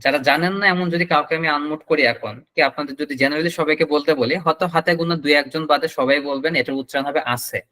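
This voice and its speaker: A man's voice: fairly high pitch, bright, forceful tone, poor audio. A man with a Bangladeshi Bengali accent teaching an online English pronunciation class, explaining step by step and drawing out sample words. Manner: explanatory, drawn-out word demonstrations.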